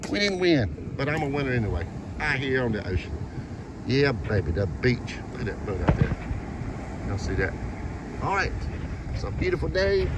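A man's voice: medium pitch, very animated, moderate pace. A middle-aged man, cheerfully calling out numbers as he scratches lottery tickets on a beach, recorded on a phone held close. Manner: cheerful running commentary, calls out numbers one by one. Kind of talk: casual upbeat vlog chat. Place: outdoors on a sandy beach by the ocean. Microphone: phone camera held close, pointed down. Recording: phone audio with wind and surf noise outdoors.

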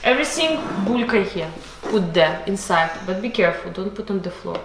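At her home kitchen table, a woman with an expressive mid-range voice teaches her child to bake at normal speed, patient and instructive, speaking non-native English mixed with Russian words. A camera across the table records the echoey kitchen, noisy with clattering dishes.

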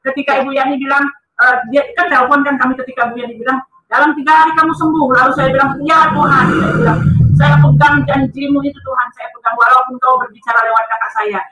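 A woman's voice: high voice, little pitch movement, fast talker, distant mic, noisy background. A woman giving an emotional personal testimony. She is earnest and emphatic, and she keeps turning to her listeners as friends. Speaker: testimony speaker. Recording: echoey room, voice from off-mic.

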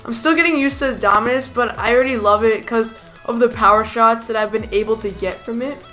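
A hoarse woman giving chatty, self-deprecating commentary over her own gameplay as a gaming YouTuber. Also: fairly high pitch, fairly quick, a bit bright, faint music behind. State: hoarse, lost voice.

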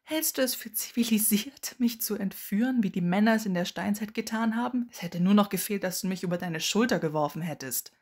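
A woman's voice: medium pitch, steady tone, moderate pace, husky. A woman reading the part of a furious, proud young witch in an audiobook, angry, tearful and defiant.

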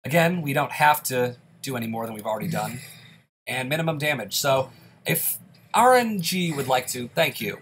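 A man's voice: medium pitch, animated, moderate pace, a bit bright, a little hiss or hum. A congested man hosting a gaming channel, chatting through each move in his let's play commentary.

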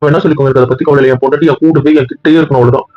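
A man's voice: mid-range voice, steady tone, rapid-fire, muffled recording. A man in casual family banter, clingy and pleading as he talks to his wife and family. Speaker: husband in a family skit.

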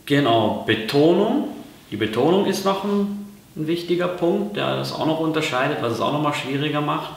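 A man's voice: a little high, brisk, gravelly. Hesitant German man in echoey room. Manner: hesitant, lots of fillers and restarts. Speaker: vlogger. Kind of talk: casual explainer vlog.

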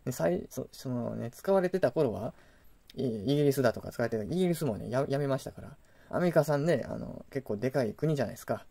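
A man's voice: medium pitch, expressive, fast talker, creaky, warm tone, slightly rough. A man with a Kansai accent hosting a casual vlog, ranting in exasperation with sudden indignant outbursts. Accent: Kansai Japanese. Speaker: video host.

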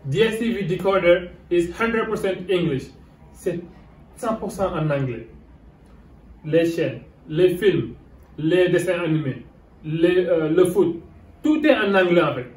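Senegalese guy teaching english at a board, bit high voice, talks slow, asks okay? a lot. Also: a little mellow, distant mic. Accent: Senegalese French. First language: Wolof. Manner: mixes French and English, checks in with "okay?". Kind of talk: whiteboard grammar lesson. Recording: roomy sound from away from the mic.

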